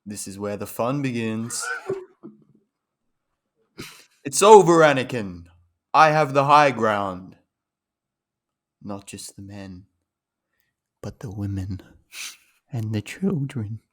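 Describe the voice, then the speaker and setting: A stern, dramatic Jedi master, played by a man. The lines come slow and mock-solemn, like a grand screen moment. The voice sits fairly low. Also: lively intonation, a bit bright, heavily acted. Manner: mock-solemn movie-line delivery.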